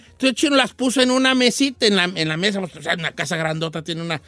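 A man's voice: high-pitched, fast, pushed and bright, dry recording, soft background music. A man voicing an older Mexican rancher figure, hosting a radio show and telling a teasing comic story with a Mexican accent.

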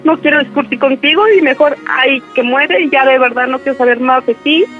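A man in falsetto as a heartbroken young woman. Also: a little fast, narrow, tinny audio, soft background music. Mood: wounded, accusing. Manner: tearful, hurt and resolute, refusing to listen. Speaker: radio prank caller.

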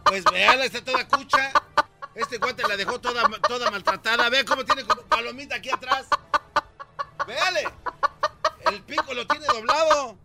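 A man, playing a pushy, excitable lawyer in an improvised comedy court sketch. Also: very high voice, normal speed, vocal fry.

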